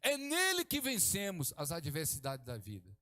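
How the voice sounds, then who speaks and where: A middle-aged man from Brazil, preaching a sermon as pastor, swinging from hushed to exclaiming. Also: on the high side, wildly swooping pitch, normal speed, a little hiss or hum.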